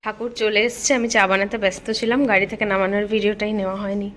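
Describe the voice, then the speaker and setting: Talking very fast in a mid-range voice with little pitch movement, a young North Bengal vlogger narrates casually while filming on a handheld phone. She's at her family's village home during a home puja, and the surroundings are noisy.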